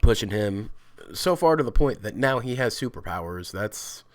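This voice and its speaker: A man's voice: on the low side, animated, normal speed, dry recording. A man who is sick, ranting bluntly and casually about a show as a vlog host, swearing freely. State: sick, rough voice. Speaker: vlogger host.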